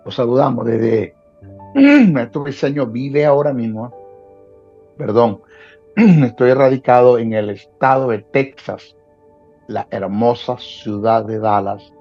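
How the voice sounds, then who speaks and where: A man's voice: mid-range voice, slow, mellow. A man, a Bible teacher talking as a guest in a preaching style, repeating phrases for emphasis. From Venezuela. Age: 60s. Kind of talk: preaching-style interview talk. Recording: dull lo-fi sound with faint music.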